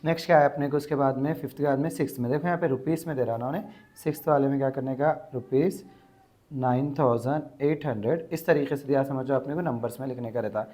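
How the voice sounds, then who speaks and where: A man teaching an exam-prep grammar lesson, explaining step by step and repeating words slowly to dictate. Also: mid-range voice, mellow.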